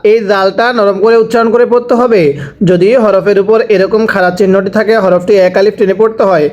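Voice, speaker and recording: A man teaching Quran reading, spelling out each letter and vowel mark and then repeating the word slowly for learners to follow. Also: sits high, fairly even intonation, darkish tone, dull audio. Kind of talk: slow drilled recitation lesson.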